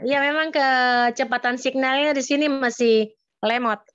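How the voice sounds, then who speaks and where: Woman from west papua on a video call, fairly high voice, audio choppy and dropping out, muffled lo-fi sound. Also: steady tone, a little slow, a bit bright, no room sound. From West Papua, Indonesia. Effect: choppy audio cutting in and out over a weak connection. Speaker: participant in an online business meeting. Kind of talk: casual online call. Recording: dull lo-fi online call audio.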